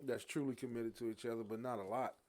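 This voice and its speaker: A man co-hosting a live radio podcast, animated and trash-talking in casual debate. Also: medium pitch, slight background noise. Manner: rapid, animated, playful trash talk. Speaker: podcast co-host.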